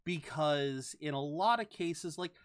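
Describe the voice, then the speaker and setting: A man's voice: fairly high pitch, a little slow, a little hiss or hum. A man casually commenting while streaming a video game, rambling and restarting his sentences. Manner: animated, rambling, frequent restarts.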